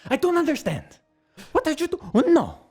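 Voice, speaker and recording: A man voicing a frantic middle-aged mother who is baffled by computers, in a shrill, squawking voice that keeps climbing into loud squeals. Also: wildly swooping pitch, fairly quick, faint music behind, exaggerated voice. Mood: exasperated. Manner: panicky, every line climbing into loud squeals.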